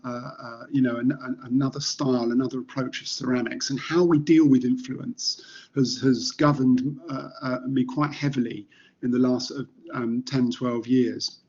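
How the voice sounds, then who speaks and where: A middle-aged man from Kent in England with a light Estuary English accent, giving an informal artist talk as a ceramicist in a halting, reflective manner. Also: medium pitch, a little mellow, husky, dull audio. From Maidstone, Kent, England. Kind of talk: informal slide presentation.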